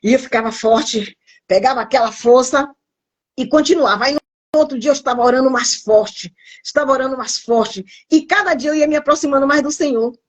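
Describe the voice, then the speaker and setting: A middle-aged woman preaching on a live stream in a slightly high voice. She tells her testimony with deep emotion and repeats phrases for emphasis. At times her voice nearly breaks into tears. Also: a little fast. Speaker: pastor.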